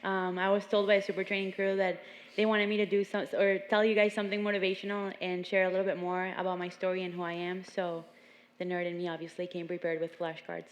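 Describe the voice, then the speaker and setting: A woman's voice: fairly low pitch, level tone, quick pace. A young adult woman from Venezuela giving an earnest motivational talk at a seminar, telling stories. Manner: earnest, storytelling. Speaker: seminar speaker. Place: large gym. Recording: long reverb in a gym hall.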